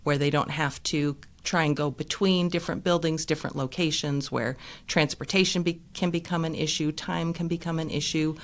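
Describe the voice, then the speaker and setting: A woman's voice: low-pitched, fairly even intonation, normal speed. A woman from Nevada, a nonprofit executive director and lawyer, speaking as an interview guest in an articulate, explanatory manner. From Reno, Nevada. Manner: articulate, explanatory, listing things.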